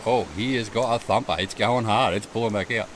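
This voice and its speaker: A man's voice: lowish voice, fairly even intonation, brisk. A middle-aged Australian man chatting casually to camera while camping and fishing on a riverbank at night. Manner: laid-back, chatty, self-amused. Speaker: outdoor vlogger. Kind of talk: casual camp narration. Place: riverbank campsite at night, outdoors. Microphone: camera mic at a distance. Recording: distant camera mic, outdoor night noise.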